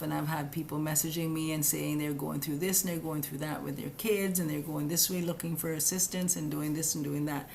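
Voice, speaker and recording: Low-voiced woman scolding viewers on a live stream. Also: a little hiss or hum. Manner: direct, scolding, chatty, addresses viewers as guys. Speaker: immigration law commentator hosting a live stream. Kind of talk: casual live-stream explainer answering comments. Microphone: webcam or phone on a live stream.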